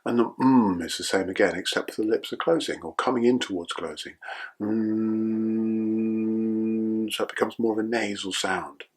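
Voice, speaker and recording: An older male breathwork teacher speaks in a low, husky voice. He guides calmly and slowly with patient instruction, checking in with "yeah?"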